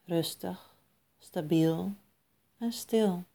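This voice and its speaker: A woman leads a guided meditation in a soft, soothing voice, pitched a little low. She speaks very slowly and calmly, leaving long, still pauses between short phrases. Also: creaky.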